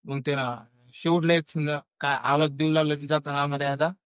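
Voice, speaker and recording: A young man with a Marathi accent, speaking a little high for a man and telling a spooky story in a halting, hesitant way. He uses many fillers and restarts, and he acts out the voices of the people in the story. The recording is dry and close, with no room sound. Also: little pitch movement, clear, resonant tone, no echo. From India. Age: young adult. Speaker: guest storyteller. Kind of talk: casual podcast storytelling.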